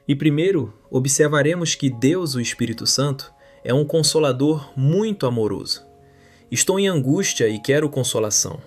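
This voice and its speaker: A man narrating a translated sermon in a solemn, measured preaching manner. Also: medium pitch. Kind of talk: scripted sermon reading.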